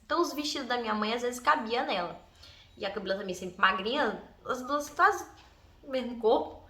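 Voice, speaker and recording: A young woman tells a childhood story in a lively vlog, laughing often and slipping into her relatives' voices. Her voice is high and bright. The room around her is echoey. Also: a little fast. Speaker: vlogger. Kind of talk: animated storytelling about childhood.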